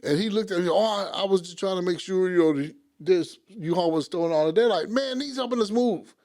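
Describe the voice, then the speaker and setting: A man's voice: high-pitched, fairly quick. A man telling stories in casual podcast chat, acting out the people he quotes. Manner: animated, acts out quoted people.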